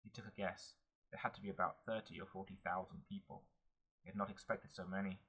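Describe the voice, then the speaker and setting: A man narrating a fantasy novel in an audiobook. His voice is husky and low with a bright, forceful edge. He reads in a steady, earnest manner with little rise and fall. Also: a little fast, low-quality recording.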